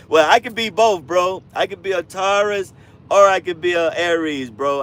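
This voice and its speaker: A man's voice: fairly high pitch, a bit bright. A man in his fifties, a truck driver hosting a casual livestream, answering viewer comments and calling them bro and fam. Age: 50s. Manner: laid-back slang-heavy talk, calls viewers bro and fam.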